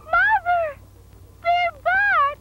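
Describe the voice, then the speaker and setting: An actress playing a vain, sassy niece in a broad film comedy, theatrical and full of exclamations. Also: female voice, very high-pitched, animated, moderate pace, dull audio, a little hiss or hum. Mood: outraged. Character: dramatic, sassy, vain young niece and schemer.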